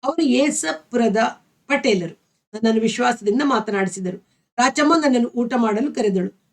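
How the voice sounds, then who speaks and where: A woman's voice: a little high, normal speed. Woman reading a novel aloud. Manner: steady, expressive narration. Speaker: storyteller.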